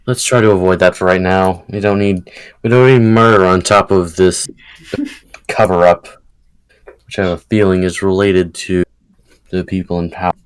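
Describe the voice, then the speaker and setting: Guy playing a tabletop rpg, clean smooth voice a bit on the deep side, casual. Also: fairly even intonation, normal speed, long pauses, low-quality recording. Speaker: tabletop game player. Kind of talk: casual in-character game chat.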